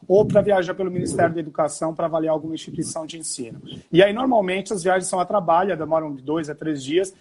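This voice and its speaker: A man's voice: on the high side, darkish tone. A man from Portugal, a university professor, hosting a casual live-stream conversation over a video call and explaining at length with restarts.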